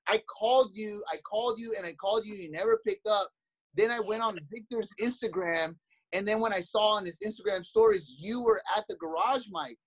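A man's voice: high-pitched, fairly quick, low-quality recording. A young adult man, a comedian guest, arguing heatedly and defensively on a podcast, rambling and cursing.

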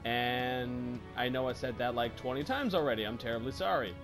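A man's voice: medium pitch, moderate pace, over music. A man giving rambling, casual gameplay commentary, apologetic and swearing a lot, with a cough. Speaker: gaming YouTuber.

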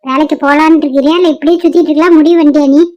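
A woman's voice: sits high, steady tone, very fast, a little mellow, lightly acted. A woman voicing an older village mother, nagging her grown son in a cartoon. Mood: scolding. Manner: nagging, scolding. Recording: dull lo-fi cartoon audio.

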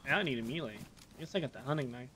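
A man's voice: medium pitch, very fast, sharp tone, slight background noise. A man chatting casually while playing a co-op game, joking and swearing with his partner. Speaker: gamer.

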